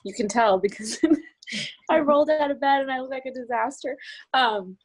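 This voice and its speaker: Speaking at a normal pace in a high voice, a New Jersey-area woman who works as a business coach takes part in a group video call as a guest. She talks earnestly and for a long time, with many restarts, and the audio is poor.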